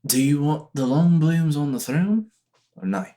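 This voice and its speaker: A man's voice: a little high, a little slow, mellow, pitched above the performer's own voice, close to an everyday voice. A man voicing a blunt, impatient male faction leader who presses for straight answers and swears. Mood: pressing. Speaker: game master.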